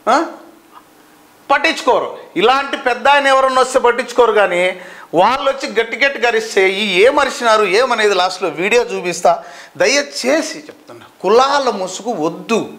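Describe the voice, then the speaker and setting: An indignant man, speaking very high in his range. His voice is bright and tense. He delivers an impassioned, rhetorical complaint to camera and keeps hammering the same questions. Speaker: citizen complainant at a district office.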